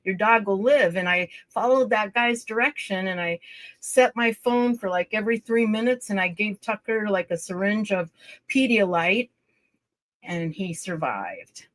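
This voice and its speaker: A woman guest telling a personal story in a livestream interview, earnest and halting, often restarting her sentences. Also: medium pitch, expressive.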